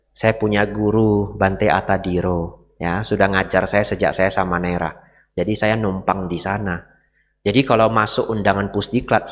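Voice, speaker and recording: A man, a Buddhist monk, giving a dharma talk in a conversational way and often asking the audience rhetorical questions. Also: lowish voice. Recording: reverberant hall.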